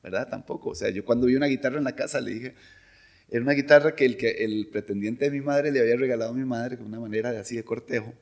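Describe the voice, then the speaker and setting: A middle-aged man with a Costa Rican accent, a podcast guest telling stories in a relaxed, rambling way with frequent chuckles. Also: mid-range voice, racing. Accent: Costa Rican Spanish. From Costa Rica. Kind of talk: casual conversational storytelling.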